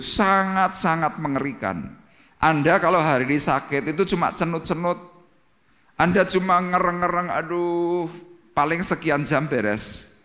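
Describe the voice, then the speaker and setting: A man with a somewhat high, slightly bright voice preaches to a congregation. It's a dramatic Pentecostal sermon with acted-out cries and sound effects, recorded with the long reverb of a church hall.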